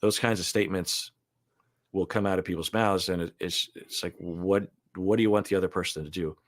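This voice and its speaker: A man's voice: low voice, steady tone, fairly quick. A man speaking as a therapist in casual reaction commentary, thoughtful and hesitant, explaining relationship patterns. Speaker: therapist co-host reacting to a reality show.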